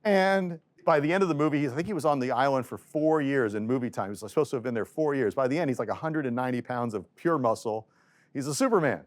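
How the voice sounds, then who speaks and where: A middle-aged man, an economics professor, giving a classroom lecture in a lively, joking storytelling manner. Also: mid-range voice, quick pace. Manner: lively, joking storyteller voicing quoted arguments.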